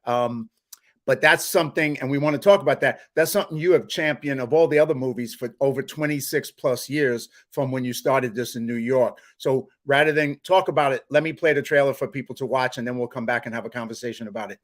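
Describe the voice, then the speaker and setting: A man's voice: medium pitch, brisk. A man hosting an interview show, introducing clips with enthusiasm. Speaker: host.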